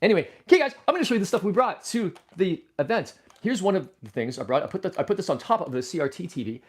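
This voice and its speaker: Excitable guy rambling on his livestream, voice a bit high and bouncing all over, keeps yelling stuff out. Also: fast, husky. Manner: excitable, animated, breaks into loud exclamations; rambling with frequent restarts. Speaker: livestream host. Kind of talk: casual livestream chat.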